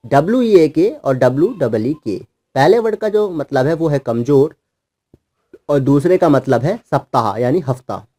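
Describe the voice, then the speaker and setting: Fairly high in pitch with a dark timbre, this man's voice guides children through English words. He spells each carefully letter by letter in Hindi while explaining their meanings.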